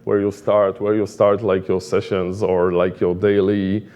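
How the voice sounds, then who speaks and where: A middle-aged Israeli man, a product management director, gives an informal conference talk in his Israeli accent, feeling his way through halting phrases full of repeats and fillers. His voice is warm and sits low, with little pitch movement.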